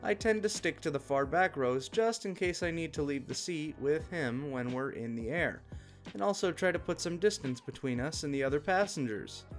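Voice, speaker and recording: A man giving a scripted narration of an online post in a steady, even reading manner. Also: a little high, normal speed, soft background music. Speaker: story narrator.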